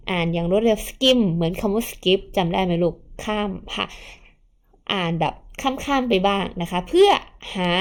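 Thai woman teaching English vocabulary. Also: mid-range voice. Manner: warm, coaxing, asks students questions and calls them "child". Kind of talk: recorded classroom lesson explaining vocabulary.

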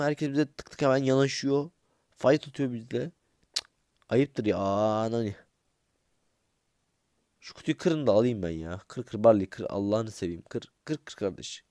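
Excitable young man in gameplay commentary. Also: mid-range voice, dry recording, studio quality. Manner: excitable, grumbling, swears under his breath; talks straight to his viewers. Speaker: gaming YouTuber.

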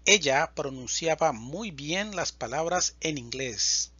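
A man teaching a slow, deliberate verb conjugation lesson, reading word lists with even spacing. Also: fairly high pitch, breathy edge, no echo, highs cut off. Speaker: Spanish teacher.

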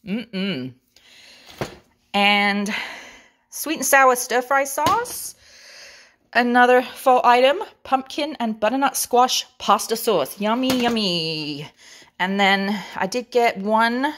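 A woman's voice: medium pitch, a bit bright, slight background noise. English-accented woman, grocery haul vlogger, chatty and playful, savors every item. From England. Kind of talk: grocery haul show-and-tell.

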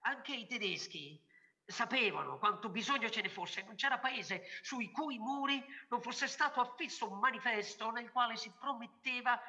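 A woman reading a first-person literary story aloud on a theatre stage, with expressive narration. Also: a little high, rough recording. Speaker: reader.

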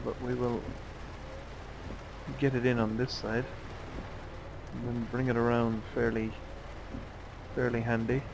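A man's voice: mid-range voice, vocal fry, noisy background. A tired man casually commenting on his own truck driving game, musing aloud to himself. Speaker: let's play gamer. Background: truck driving game sounds.

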